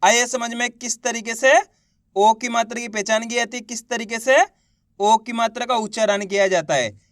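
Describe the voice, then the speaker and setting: A man teaching children to read Hindi, sounding out each syllable slowly and then stretching the whole word, and often asking whether it is clear. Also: extremely high pitch, fairly even intonation, a bit bright, dry recording, clean studio sound. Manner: addresses viewers as friends and asks if it is clear. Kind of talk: slow syllable-by-syllable reading lesson.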